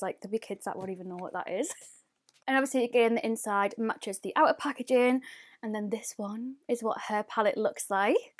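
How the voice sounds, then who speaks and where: A bubbly young woman chats through a makeup haul, gushing over every item and breaking into laughs. Her voice sits a little high. She talks from home into a camera mic. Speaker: beauty vlogger. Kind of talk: casual product review.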